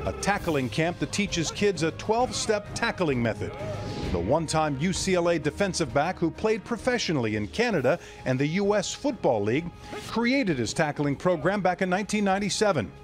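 A male TV news reporter narrating a scripted story in a measured, clear delivery. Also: on the high side, sing-song, soft background music.

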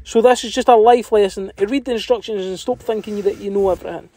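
Higher-pitched Scottish man, chatty tradesman. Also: fairly even intonation, quick pace, warm tone, no room sound. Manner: chatty, colloquial, self-deprecating. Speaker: plumber and video host. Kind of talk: informal video narration.

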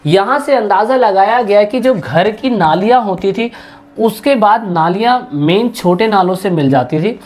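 A woman's voice: medium pitch, darkish tone. A woman teaching a history lesson online in a casual, chatty way, repeating key points and talking straight to her students, mixing in English words. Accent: Hindi-English mix.

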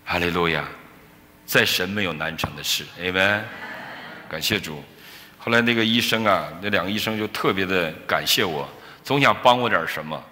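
Forceful, animated male pastor preaching. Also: low-pitched, normal speed, a little hiss or hum. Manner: animated, acts out dialogue in a story. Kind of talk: sermon storytelling. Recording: reverberant church hall.

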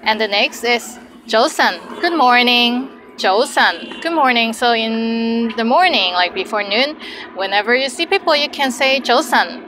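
A woman's voice: a little high, lively intonation, measured pace, noisy background. A woman in her thirties with a Hong Kong Cantonese accent, teaching phrases in a casual lesson with chatty explanatory asides. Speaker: language teacher and host. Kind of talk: casual language lesson with example phrases and commentary.

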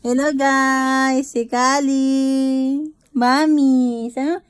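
Filipino mom vlogger, high voice, drawn-out sing-song baby talk. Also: female voice, level tone, clear, resonant tone, no echo. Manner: sing-song, repeats short greetings and words slowly for the baby. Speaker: mother vlogging her baby.

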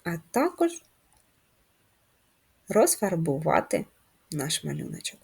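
Speaking slowly in a somewhat low, husky voice, a woman teaches first graders to write, patiently guiding them through each stroke in clear steps. She asks simple questions and supplies the answers herself, steady and encouraging throughout.

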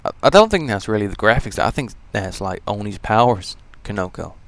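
A man giving casual, profane commentary while playing a video game, joking and talking back to enemies, moving between low mumbles and loud outbursts. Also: lively intonation, fairly quick, vocal fry. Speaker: gamer doing a walkthrough.

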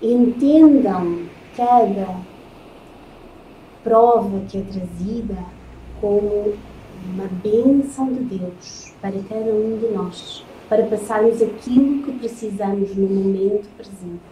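Slow-spoken Portuguese woman lecturing in an echoey room. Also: medium pitch, dark tone. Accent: European Portuguese. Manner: slow, measured reading with solemn pauses. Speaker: spiritist lecturer. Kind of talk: spiritual lecture reading from slides. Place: lecture room in front of a projected slide. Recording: echoey room, faint noise.

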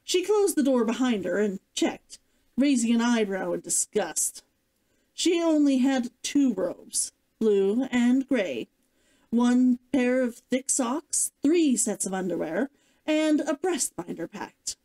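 A woman's voice: on the high side, dark tone, rough recording. A woman narrating a novel like an audiobook, reading expressively and dramatically as a streamer. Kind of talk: scripted storybook narration, audiobook-like.

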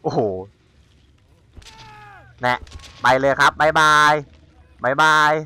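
Gamer man, mid-pitch, bright and punchy, playful and excitable running commentary. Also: slow. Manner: excitable, chatty, teasing the players he hunts. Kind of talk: let's-play commentary.

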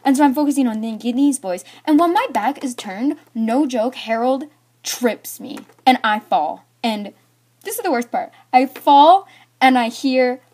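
A woman's voice: a little high, expressive, moderate pace, darkish tone. A teenage girl chatting through a personal story, rambling with lots of "like" and acting parts out with toys. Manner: rambling, filler-heavy, "like" in every sentence. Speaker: storyteller vlogger. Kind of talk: casual storytime chat.

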